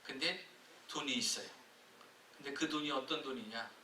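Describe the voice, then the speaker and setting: Bright-voiced pastor telling a sermon story. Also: male voice, medium pitch, normal speed, a little hiss or hum. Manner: lively storytelling, acting out voices. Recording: echoey church hall from a distance.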